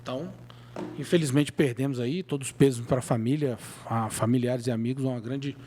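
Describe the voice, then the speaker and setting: Here a podcast co-host with a medium-pitched, dark-toned voice talks football at a moderate pace, with slight background noise behind him. His Brazilian Portuguese accent comes through in a casual, colloquial and emphatic style.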